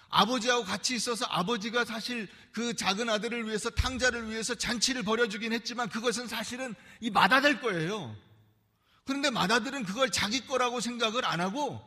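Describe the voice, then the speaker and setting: A man preaching a sermon as pastor, animated and acting out the voices he quotes. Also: extremely high pitch, fairly quick, big-room sound. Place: church sanctuary.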